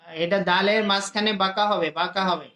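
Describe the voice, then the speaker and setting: A man teaching adults to read the Quran, drawing out each letter slowly for his students to repeat. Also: high voice, fairly even intonation, pushed and bright, echoey room, low-quality recording. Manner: slow, drawn-out letter drills for students to repeat. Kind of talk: adult Quran reading lesson.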